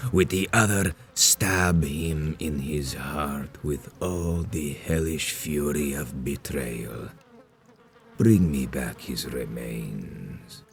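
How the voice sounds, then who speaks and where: An extremely deep-voiced ancient vampire leader, slow and solemn. He delivers grandiose video game villain speeches with cold menace, weighing each phrase deliberately. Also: heavily acted.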